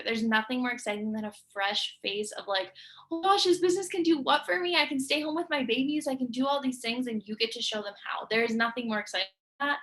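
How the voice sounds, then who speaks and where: A woman's voice: medium pitch, sharp tone. A young woman giving an earnest, emphatic motivational talk to her sales team. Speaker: team leader.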